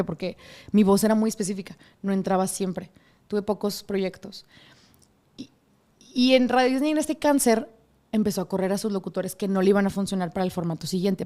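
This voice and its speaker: A woman, a radio host telling her story as a guest in a casual interview and acting out other people's voices. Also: medium pitch. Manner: animated, acts out quoted voices.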